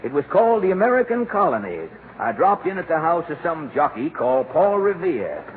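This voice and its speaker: A man's voice: fairly high pitch, sing-song, fairly quick. An actor playing an aggrieved old Santa Claus in 1940s radio comedy, telling his woes in folksy, ungrammatical speech. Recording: noisy narrow-band 1940s radio recording.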